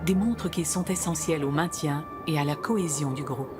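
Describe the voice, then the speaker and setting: Female nature documentary narrator, low register, scripted read over a music bed. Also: normal speed. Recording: music behind the voice. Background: background music.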